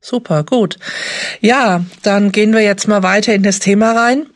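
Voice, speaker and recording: A woman's voice: medium pitch, moderate pace, no room sound, clean studio sound. A woman interviewing a couple for a podcast, asking questions in a friendly, casual way.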